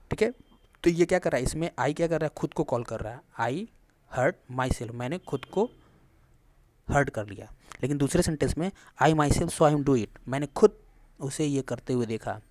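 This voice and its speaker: A man teaching English grammar in Hindi, asking and answering his own questions and reading English examples slowly with an Indian accent. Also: mid-range voice, lively intonation, a little mellow, no room sound. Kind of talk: classroom explanation.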